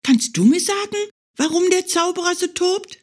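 A woman voicing a small, tousled young hare from a storybook who is curious and playful and talks in a high, wondering, childlike way. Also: expressive, moderate pace.

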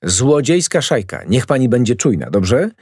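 A man playing a wary grown man who lies smoothly and coaxes his neighbour with an ingratiating tone. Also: mid-range voice, sing-song, normal speed, darkish tone, no echo, clean studio sound. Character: wary, scheming grown man, a calm liar.

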